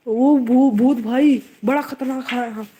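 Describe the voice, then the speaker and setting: A woman narrating casually and excitedly, repeating urgent warnings over and over. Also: high-pitched, unhurried, slight background noise. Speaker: vlogger narrating. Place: outdoor home courtyard at night.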